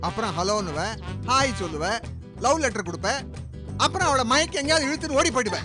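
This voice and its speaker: A furious, protective middle-aged father; high, animated, threatening; serial drama with music. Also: fairly quick. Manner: scolding, threatening, contemptuous. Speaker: strict father guarding his daughter. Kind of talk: TV serial acting.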